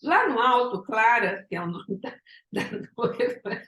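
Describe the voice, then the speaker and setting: A woman's voice: a little high, sing-song, unhurried, a bit bright. A woman giving a lecture, retelling a story with frequent tag questions and restarts. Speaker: psychoanalysis lecturer. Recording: echoey room.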